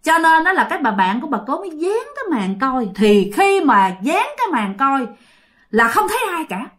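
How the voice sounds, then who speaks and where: A woman's voice: high voice, sing-song, normal speed, fairly bright tone. A woman with a Southern Vietnamese accent telling a ghost story casually, addressing listeners directly.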